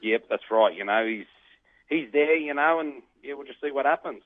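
A man's voice: medium pitch, expressive, moderate pace, no room sound. An Australian man with a plain, colloquial tradesman's way of talking, giving a casual interview as a greyhound trainer. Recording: narrow, muffled phone-line sound.

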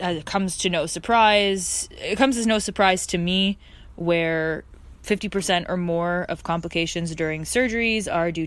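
A woman hosting a casual, reflective podcast from her backyard, speaking in an earnest, effusive way. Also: lowish voice. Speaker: podcast host. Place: outdoors in a backyard.

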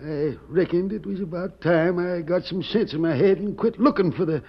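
High, raspy old prospector. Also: male voice, moderate pace. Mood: folksy, explaining. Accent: American. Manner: folksy old prospector drawl. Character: harmless, excitable old male prospector, folksy. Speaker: actor in a western radio drama. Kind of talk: old-time radio western acting. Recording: muffled old radio recording.

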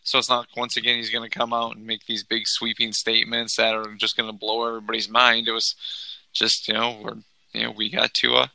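A man co-hosting a sports talk show, skeptical and halting, often repeating his words. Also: fairly low pitch, monotone, vocal fry, bright, forceful tone, no room sound, low-quality recording. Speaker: sports podcast co-host.

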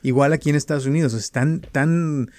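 A man's voice: a little high, fairly even intonation, moderate pace, a little mellow, dry recording. A man in a casual conversation, reflecting thoughtfully and building on the other speaker's points with many fillers.

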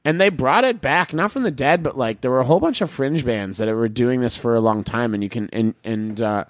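A man's voice: medium pitch, dry recording. A man co-hosting a podcast in casual chat, talkative and laughing often. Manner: chatty, laughs often, does quick mock voices. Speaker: podcast co-host.

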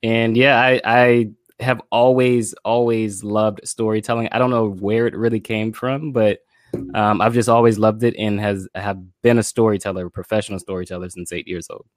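A man from Florida speaks with a lowish voice in a dry, close recording. He talks as a guest in a relaxed, reflective way, often pausing on fillers. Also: no room sound. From Florida, USA. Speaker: podcast guest, filmmaker and brand strategist. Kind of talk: casual interview conversation.

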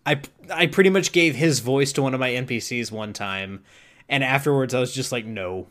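A man's voice: medium pitch, fairly quick, fairly bright tone. Casual male podcast host, dry humor. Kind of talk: casual interview.

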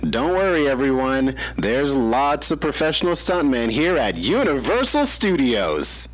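A man's voice: mid-range voice, very animated, measured pace, poor audio. A man voicing a chipper studio tram tour guide with a showy patter.

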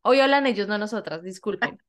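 A woman's voice: medium pitch, fairly quick, fairly bright tone. A young Colombian woman co-hosting a podcast, chatting casually, laughing often and acting out bits of dialogue. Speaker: podcast co-host. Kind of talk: casual chat.

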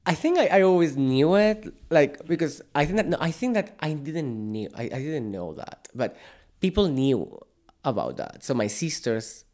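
A man from Catalonia with a Catalan Spanish accent, a native Catalan speaker, talking in halting English with many repeats as an interview guest. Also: a little high, big pitch swings, a little mellow. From Catalonia, Spain.

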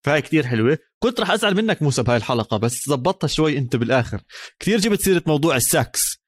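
A man's voice: a little high, big pitch swings, racing, dry recording, studio quality. A man with a Palestinian-Jordanian Levantine Arabic accent, chatting casually as a sports podcast co-host with English words mixed in.

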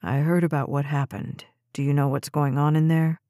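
A woman reading the lines of a steady, caring male police officer, calm and measured. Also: low voice, no echo, clean studio sound, pitched below the performer's own voice, close to an everyday voice. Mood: calm, gentle.

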